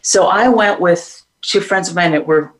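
A woman's voice: lowish voice, moderate pace, rough recording. A woman singer being interviewed, telling stories in a rambling way with many restarts and laughs. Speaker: singer guest. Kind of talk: casual interview storytelling.

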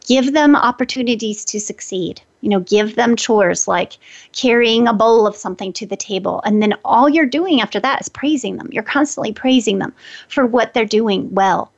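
A woman's voice: moderate pace, vocal fry, lo-fi sound. A woman working as an energy healer who gives casual, upbeat parenting advice and sometimes shifts into a sing-song voice. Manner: upbeat, shifts into a high sing-song voice when quoting what she says to kids.

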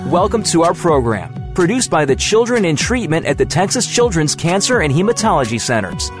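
A man reading a scripted radio program introduction in a bright, sing-song announcer manner. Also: a little high, big pitch swings, fairly quick. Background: music.

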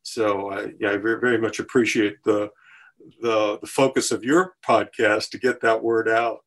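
An older man from the US West Coast, a podcast guest who speaks in measured, repeating phrases as he builds each point. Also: fairly low pitch, steady tone, fairly bright tone. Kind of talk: conversational interview.

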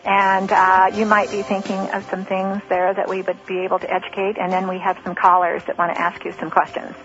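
A woman's voice: medium pitch, completely flat delivery, a little fast, a bit bright, faint music behind. A woman hosting a radio call-in show, talking hesitantly and repeating herself. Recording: muffled lo-fi radio line.

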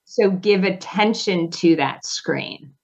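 Slow-talking woman guest on a dull line. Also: lowish voice, darkish tone, slightly rough. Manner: thoughtful, asks herself questions aloud. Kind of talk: radio interview chat.

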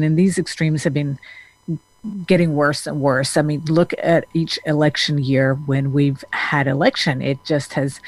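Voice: mid-range voice, no echo. Therapist from Denmark, earnest and rambling, dry close sound. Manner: earnest, rambling, with frequent restarts and fillers. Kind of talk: casual talking-head monologue.

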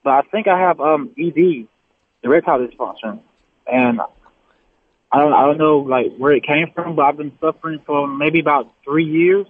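A man's voice: fairly high pitch, moderate pace, dry recording. A man in his twenties calling a radio show over the phone, asking his question politely and hesitantly with lots of ums. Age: 20s. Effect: heard over the phone. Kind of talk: call-in question. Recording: tinny phone line.

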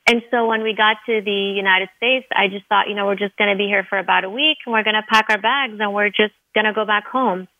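Speaking quickly and barely pausing, a middle-aged woman from Lebanon, a native Arabic speaker and dentist, recounts her story earnestly in an interview, filler words throughout. Her medium-pitched voice stays fairly even, and the audio is narrow and tinny with no echo.

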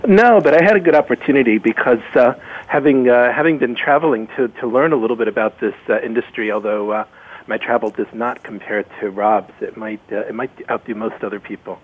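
A man's voice: mid-range voice, fairly quick, slightly rough, narrow, tinny audio. A man speaking as a guest on a radio panel, hesitant and full of fillers.

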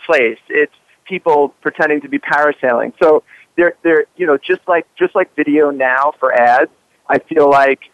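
A man's voice: medium pitch, fairly bright tone, no echo, highs cut off. A man speaking casually as an interviewed correspondent, conversational and peppered with "like" and "you know". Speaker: roving correspondent, interview guest.

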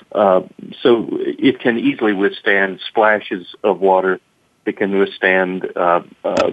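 A man giving halting, measured explanations as a guest in an interview, over a thin phone-like connection. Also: sits low, dry recording. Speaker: company representative, interview guest. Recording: thin phone-line sound.

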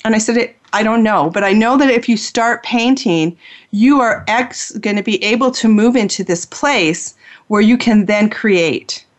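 A woman's voice: on the high side, measured pace. A woman who hosts a spiritual healing radio show, telling a personal story in an earnest, heartfelt way.

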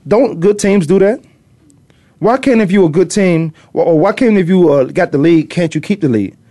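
A middle-aged former pro defensive back from Virginia on the US East Coast hosts a laid-back sports talk show in a high, animated, dark-toned voice at normal speed. The recording is dry, and he's opinionated and rambling, saying things twice for emphasis.

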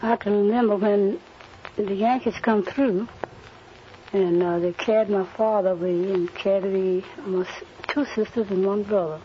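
An elderly woman speaks on a dull, lo-fi 1941 archive recording. Her voice sits in the middle of the range, and she talks slowly and haltingly, circling back over her words. Music plays clearly beneath her. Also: mid-range voice, fairly even intonation. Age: older. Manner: slow, halting, repeats phrases. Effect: old 1941 archive recording. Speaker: interviewee. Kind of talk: oral history recollection.

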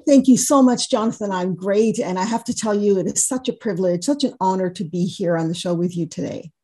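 A woman's voice: mid-range voice, brisk, dark tone, husky. A woman from Canada speaking as an expert guest in a radio interview. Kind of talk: interview conversation.

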